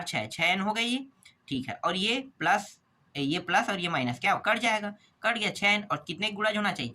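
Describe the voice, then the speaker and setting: A male maths teacher works through exam problems step by step, keeping his tone bright and sharp. He poses quick questions and answers them himself, checking in with a repeated "okay?". The voice is recorded close to the mic. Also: high voice.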